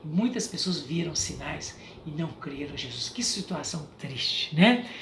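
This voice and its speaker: A man's voice: on the high side, lively intonation, moderate pace, a bit bright. A man with a Brazilian accent giving an informal Bible teaching, conversational and emotional, with many fillers. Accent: Brazilian Portuguese. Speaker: preacher. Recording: roomy echo with faint noise.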